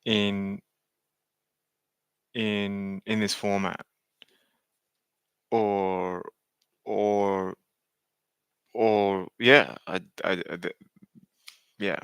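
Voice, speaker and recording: Halting, low-voiced man live streaming. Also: flat delivery, a bit bright, clear, resonant tone, dry recording. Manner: hesitant, halting, candid with many restarts. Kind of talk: casual live stream chat.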